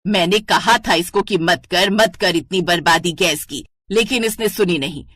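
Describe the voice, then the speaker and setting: Leela, a fretful old mother-in-law in a cartoon story, voiced by a woman, forever scolding. The voice is bright and forceful but husky, pitched a little low. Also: normal speed, dry recording. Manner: scolding, nagging. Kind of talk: cartoon voice acting.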